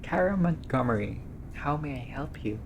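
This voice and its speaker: In this clearly noisy recording, a gamer with an expressive, medium-pitched voice moves at a moderate pace through a casual visual novel playthrough. They read the text aloud, adding informal comments, a bit of swearing and occasional stumbles.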